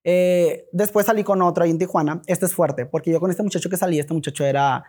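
A man's voice: high voice, quick pace, breathy edge. A man with a Mexican accent, a podcast guest telling a story in casual talk, swearing freely and acting out the dialogue. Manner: animated, swears freely, acts out quoted dialogue.

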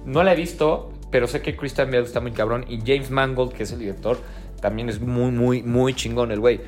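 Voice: mid-range voice, fairly even intonation, a little fast, darkish tone. Mexican accent, twenties, podcast co-host, casual film chat, swears a lot, slangy, rambling, faint music behind. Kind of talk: casual chat about films.

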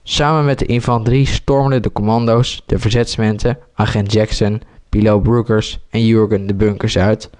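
A man reading a homemade war story aloud, halting with slips and restarts. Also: on the low side, darkish tone.

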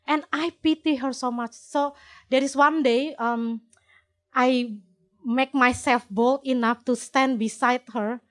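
A woman giving a sermon-style testimony in simple English with non-native grammar, earnest and quick to laugh between phrases. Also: sits high, steady tone. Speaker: church ministry worker sharing testimony.

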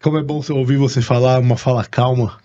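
A man's voice: medium pitch, steady tone, fast, dark tone, highs cut off. A Brazilian man hosting a podcast in casual chat, blunt, slangy and given to swearing. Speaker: podcast host.

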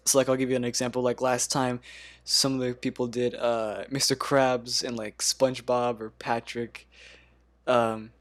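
Male podcast host, mid-pitched, halting, laughs a lot. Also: little pitch movement. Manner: halting with many ums, laughs often. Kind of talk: casual podcast game hosting.

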